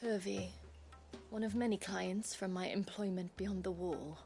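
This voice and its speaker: A woman's voice: medium pitch, unhurried, vocal fry, warm tone, soft background music. A woman playing a torn, regretful former lover in a video game, dramatic and pleading. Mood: regretful, pained.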